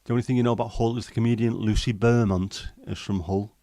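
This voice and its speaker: An Englishman hosts a livestream, casually reading and answering live comments in a rambling style with many ums and restarts. His dark voice, on the low side, moves at a quick pace with fairly even intonation, in clean studio sound without echo.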